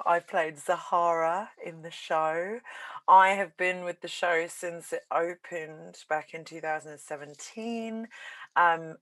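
A woman's voice: fairly low pitch, a bit bright, no room sound. A woman with a British accent, a theatre performer chatting casually as an interview guest. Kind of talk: casual group interview chat.

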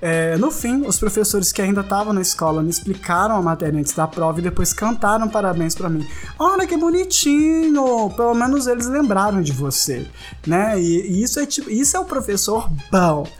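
A man hosting a podcast, reading listener comments aloud in a casual, playful, slangy way with lively jumps in pitch. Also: fairly quick, faint music behind. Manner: animated, playful, slangy, jumps between high and low pitch. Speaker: podcast host.

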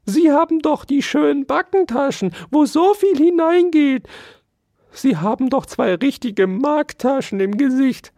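A poor little female field mouse from a storybook who is forever lamenting her lot. Her voice is very high, thin and strained, and it swoops widely as she pleads. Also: lively intonation, a little slow, warm tone, no echo, studio quality. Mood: wailing. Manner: wailing, pleading and self-pitying.

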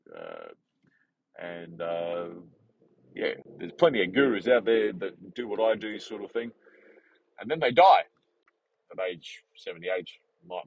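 Rambling husky man in his forties. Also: deep voice, no room sound, poor audio. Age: 40s. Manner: rambling, animated, many fillers and restarts. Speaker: podcast host. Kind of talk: casual unscripted monologue.

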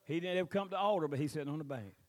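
A man's voice: a little high, rapid-fire. A man with a Southern US accent preaching as a pastor, folksy and rambling, drawling out scripture phrases. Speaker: pastor preaching to his congregation. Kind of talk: sermon, mixing scripture reading with plain exhortation.

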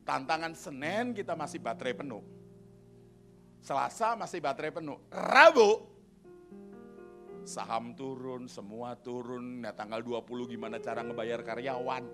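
A man from Surabaya preaching an animated, joking church sermon and putting questions to the congregation. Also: medium pitch, moderate pace, soft background music. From Surabaya, Indonesia.

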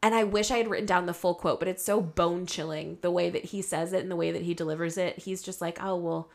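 A woman's voice: fairly low pitch, quick pace, gravelly. Chatty woman podcast co-host. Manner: animated, lots of fillers and asides. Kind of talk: casual chat.

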